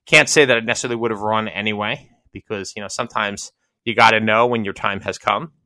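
A man's voice: lowish voice, steady tone, fast, pushed and bright, no room sound. A middle-aged American man giving informal, discursive commentary and reminiscence, reflective and emphatic in his repeated phrasing. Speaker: host.

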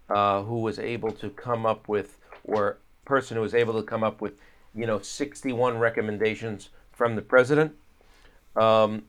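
A medium-pitched man, appearing as a guest political analyst, offers wry commentary in a conversational interview, repeating himself haltingly at times.

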